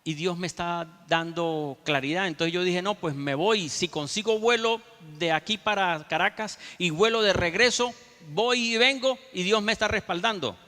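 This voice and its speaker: A man's voice: high-pitched, normal speed, few pauses, sharp tone, in a large hall. A man preaching a sermon as a pastor, telling a personal story and speaking directly to the congregation. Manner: storytelling, addresses the congregation as brothers.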